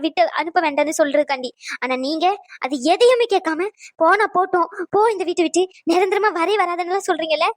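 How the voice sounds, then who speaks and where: A woman voicing an emotional young daughter-in-law in a cartoon, pleading and shrill. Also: dry recording, clean studio sound. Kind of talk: cartoon voice acting.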